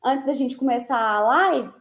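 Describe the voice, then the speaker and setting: High-voiced woman teaching slowly, echoey room. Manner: explains slowly, repeats words, checks in with tá? and ok?. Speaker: English teacher. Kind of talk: live online English lesson.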